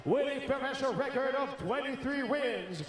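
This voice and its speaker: A man working as a boxing ring announcer, giving bilingual French and English introductions in a theatrical, drawn-out, projected delivery. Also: very high-pitched. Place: large indoor boxing arena. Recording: echoing arena PA, loud crowd. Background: cheering crowd.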